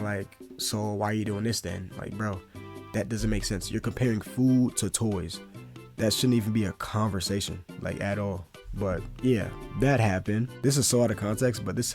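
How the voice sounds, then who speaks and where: A man's voice: fairly low pitch, darkish tone. A young man giving casual, rambling commentary full of slang, calling everyone "bro". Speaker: commentary YouTuber.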